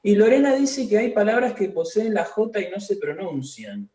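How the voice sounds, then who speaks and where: A man teaching a live online language class, explaining pronunciation slowly and patiently, syllable by syllable. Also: high-pitched, very animated, dark tone, reverberant, low-quality recording.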